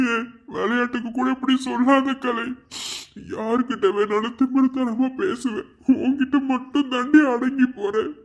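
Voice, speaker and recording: A man voicing a devoted, heartbroken young college man in a cartoon love story, pleading and near tears. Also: extremely high pitch.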